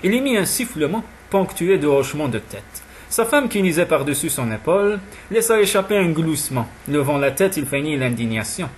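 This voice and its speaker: A man narrating a romance novel in an audiobook, with smooth, even storytelling. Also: on the high side, normal speed, hardly any pauses, a little hiss or hum.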